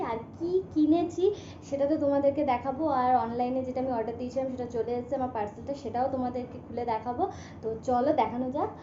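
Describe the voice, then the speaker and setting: A woman's voice: high voice, muffled recording, noisy background. A young woman, a new mother, chatting in a casual home vlog and talking straight to her viewers, with sing-song baby talk to her son. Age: young adult. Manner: chatty, addresses viewers directly. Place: at home, indoor rooms.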